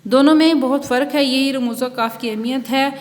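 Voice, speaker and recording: A woman teacher giving a recorded school lesson, explaining punctuation and reading a story aloud at a slow, careful pace. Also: sits high, in a large hall. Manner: reads textbook examples and a story aloud, explaining slowly. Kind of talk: online Urdu class lecture.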